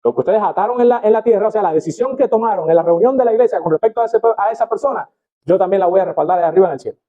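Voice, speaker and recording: Preaching in Spanish, a high-pitched male pastor reads scripture with dramatic rises and falls and addresses the congregation as brothers. He talks rapid-fire, and the recording is muffled.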